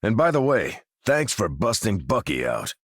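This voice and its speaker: A man's voice: fairly low pitch, wildly swooping pitch, normal speed, breathy edge, dry recording, clean studio sound, heavily acted. An American man playing Captain America, a stalwart veteran soldier hero and earnest, commanding leader in a video game. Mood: earnest, measured. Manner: earnest, commanding, military phrasing. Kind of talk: video game character voice lines.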